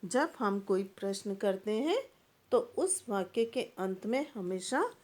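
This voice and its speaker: A woman teaches in a slow, measured way, leaving long pauses between phrases. Her voice sits in an ordinary middle register. She restates each point simply and walks through examples one at a time. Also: mid-range voice, darkish tone. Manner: repeats points with plain examples, pauses often. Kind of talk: slow, patient classroom explanation.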